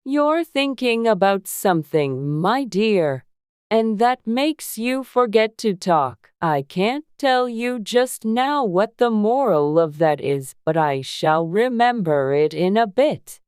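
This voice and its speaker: A woman voicing a pompous, affectionate Duchess who moralizes in a drawn-out, sententious way in a dramatized storybook. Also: medium pitch, very animated, a little mellow, smooth, no echo, clean studio sound, voice pushed up. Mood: moralizing. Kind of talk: dramatized storybook audiobook acting.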